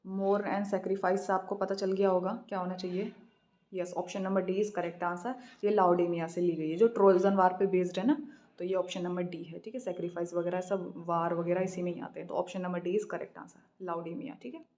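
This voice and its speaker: Indian lady teacher going thru exam questions, warm low-key tone, keeps saying theek hai. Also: flat delivery. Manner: reads questions slowly, then explains quickly in Hindi-English mix; repeats "theek hai" after each answer. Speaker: English literature teacher. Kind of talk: exam practice lesson.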